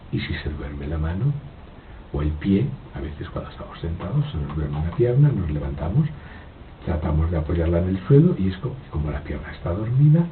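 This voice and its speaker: A man giving a slow, reflective philosophical talk, halting and repeating his words, with frequent rhetorical questions. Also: distant mic. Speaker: spiritual speaker giving a talk. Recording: old lo-fi tape, phone-like, noisy with rumble.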